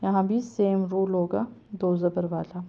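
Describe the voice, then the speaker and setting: A woman with a Pakistani Urdu accent teaching Quran reading, spelling out letter sounds slowly and then explaining the rules quickly. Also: mid-range voice, level tone, gravelly, lo-fi sound. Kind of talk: step-by-step spelling lesson.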